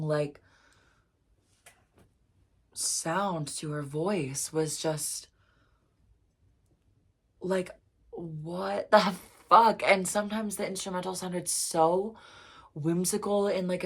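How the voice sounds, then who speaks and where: A woman reacting to an album in a casual vlog, emotional and gushing, full of "like" fillers and soft near-whispers. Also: fairly low pitch, creaky, husky. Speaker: music reaction vlogger.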